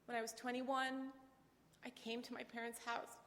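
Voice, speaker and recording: A woman's voice: on the high side, level tone, moderate pace, fairly bright tone. Woman giving a eulogy in a reverberant chapel. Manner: storytelling, acting out quoted dialogue. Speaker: eulogist, daughter of the deceased. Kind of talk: funeral eulogy with anecdotes. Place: memorial chapel.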